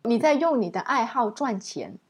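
A woman's voice: a little high, sing-song, moderate pace, breathy edge. A woman interviewing someone in a casual, conversational and encouraging way.

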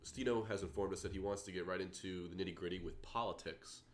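A man's voice: deep voice, fast talker, crowd noise. A young man hosting a casual podcast chat, laid-back and slangy, laughing often. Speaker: podcast host.

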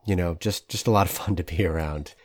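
A man's voice: sits low, a little fast. A man hosting an interview podcast, enthusiastic and rambling, laughing often with his guest. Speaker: podcast host. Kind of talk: casual interview chat.

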